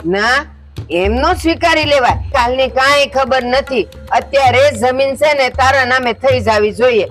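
A woman's voice: high-pitched, measured pace, fairly bright tone, faint music behind. An older woman, acting as a scheming, scolding mother-in-law in a village family drama. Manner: scolding, domineering.

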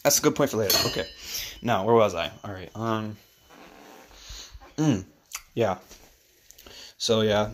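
A young man with a fairly low voice cooks in his kitchen and rambles crudely for a casual home vlog, swearing a lot and mumbling offhandedly. It's filmed on a handheld phone camera that moves around, and there's a slight hiss or hum.

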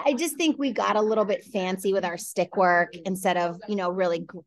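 A woman in her forties, a head coach, answering press questions over a video call from an office, measured and full of fillers and restarts. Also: fairly low pitch, no echo. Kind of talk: postgame press conference answers. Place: indoor office with large window. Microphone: laptop webcam on video call.

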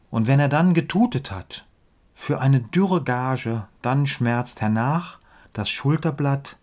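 A man reading his own humorous poems in a slow, measured way, letting line ends drop low and quiet, with dry spoken asides between them.

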